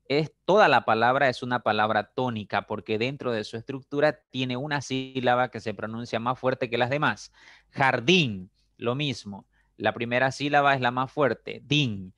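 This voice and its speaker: A male teacher giving a recorded lesson, patient and repetitive, often checking understanding and stretching words slowly to show stress. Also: mid-range voice, fairly bright tone, dry recording.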